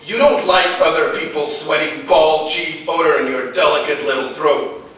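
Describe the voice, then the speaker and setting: A man's voice: fairly high pitch, moderate pace. Brash man reading in echoey hall. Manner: loud, brash declamation with crude, deadpan punchlines. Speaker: poet. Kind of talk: live poetry reading. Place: festival venue in front of an audience. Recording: very echoey hall, voice picked up from far off.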